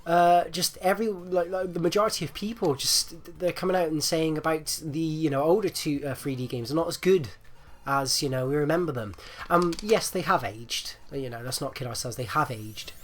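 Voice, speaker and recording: Slightly high in pitch, this man keeps a moderate pace with hardly any pauses. He hosts a gaming video while recovering from flu, his chest phlegmy, rattly, and congested, offering casual, rambling commentary full of hesitant repetitions.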